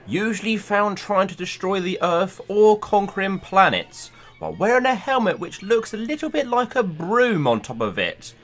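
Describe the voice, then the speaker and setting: A man hosting a video, reading a scripted countdown narration in a playful, lively way. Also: high voice, normal speed, hardly any pauses. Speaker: YouTube host.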